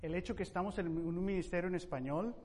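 A man preaching a sermon in an emphatic way, with sudden loud rising questions. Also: high-pitched, quick pace, big-room sound. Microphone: microphone.

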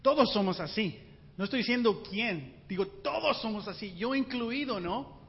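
A man preaching a sermon in an animated way, asking his congregation rhetorical questions. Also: high voice, moderate pace. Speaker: pastor. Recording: muffled sound with long hall reverb.

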